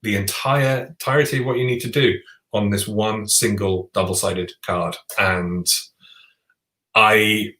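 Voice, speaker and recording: Chatty low-voiced man in an echoey room. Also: fairly even intonation, a little slow, sharp tone. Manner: chatty and enthusiastic, with frequent restarts. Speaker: podcast co-host. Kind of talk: casual chat about board games. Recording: roomy echo.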